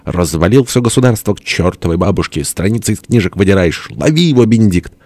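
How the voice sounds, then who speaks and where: A man voicing a gruff, hoarse older father-in-law in an audiobook, barking orders impatiently. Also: sits low, lively intonation, fast talker, a little mellow, no room sound. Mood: bossy. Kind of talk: audiobook character voice.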